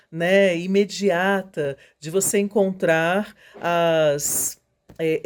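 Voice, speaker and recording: A middle-aged woman teaching about voice careers, speaking in a measured way with frequent tag questions. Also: lowish voice, darkish tone. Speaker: voice professional answering students. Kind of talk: informal spoken lesson.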